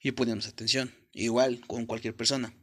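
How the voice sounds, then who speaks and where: A man's voice: medium pitch, little pitch movement, brisk. Casting: young Mexican man, Mexican accent, podcast host, crude and blunt motivational monologue, mid-range voice. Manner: blunt and profane, talks straight to the listener.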